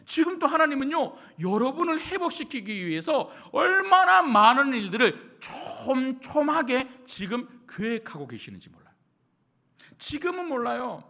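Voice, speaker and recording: A man's voice: very high-pitched, big pitch swings, moderate pace, vocal fry, sharp tone. A middle-aged man preaching a sermon as pastor of a church, asking the congregation questions, answering them himself and acting out what the Bible characters say. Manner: acts out Bible characters' words.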